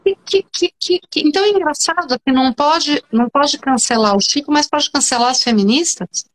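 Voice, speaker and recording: A woman's voice: sits high, brisk. A Brazilian woman psychoanalyst talking animatedly as a guest in an online interview, emphatic and often restarting her sentences. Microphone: video call.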